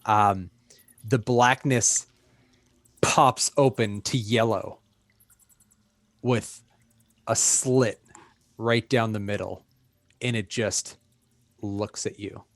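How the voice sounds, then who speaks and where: A man narrating as game master, unhurried and full of fillers. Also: on the low side, steady tone, no echo.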